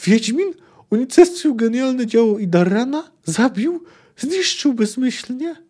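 Obsada: mężczyzna grający starego, napuszonego czarodzieja, piskliwy, wzburzony, archaiczna mowa. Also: male voice, very high-pitched, lively intonation, a little slow, a little mellow, slightly rough, voice pushed up, exaggerated voice. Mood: shrill agitation. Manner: archaic, ranting speech. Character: shrill, pompous old male wizard, indignant.

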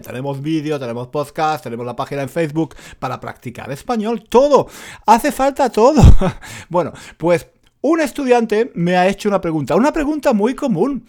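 Animated man teaching. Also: sits high. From Spain. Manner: animated, repeats phrases, self-mocking jokes. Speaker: Spanish teacher. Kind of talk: casual spoken lesson.

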